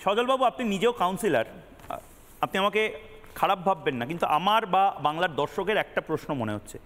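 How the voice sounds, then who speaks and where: A man's voice: sits high, expressive, quick pace, fairly bright tone, long reverb tail. A man, a news anchor pressing a guest in a televised debate. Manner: pressing, interjecting. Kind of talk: debate moderation.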